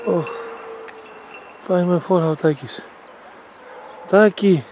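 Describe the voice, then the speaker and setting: A man training a hunting dog, calling and coaxing it with short repeated encouragements while commenting on what it does. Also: high voice. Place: outdoor field. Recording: noisy outdoor recording.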